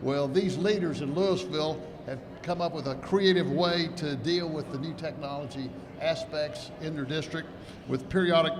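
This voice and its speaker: A man hosting a conference interview, chatty and joking. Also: a little high. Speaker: host. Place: conference hall, indoors. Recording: noisy reverberant hall.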